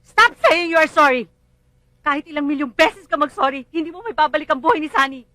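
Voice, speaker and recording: A woman's voice: sits high, fast talker, fairly bright tone, no room sound. Bitter grieving mother. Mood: furious. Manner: bitter, accusing, rising to screams. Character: bereaved mother, bitter and accusing. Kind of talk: film drama acting.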